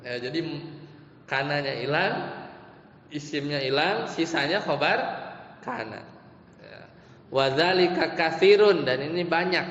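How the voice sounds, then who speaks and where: A man teaching Arabic grammar in an Islamic study class, explaining slowly, repeating terms, and asking and answering his own questions. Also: fairly high pitch, lively intonation, gravelly, bright, forceful tone. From Indonesia. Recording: echoey lo-fi hall recording with faint hum.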